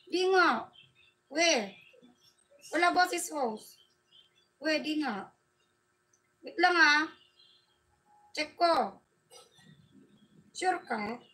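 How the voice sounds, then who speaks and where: A woman's voice: high voice, pushed and bright. A woman hosting a casual livestream, chatty and playful as she reads out viewer comments and teases in a sing-song way. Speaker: livestream host.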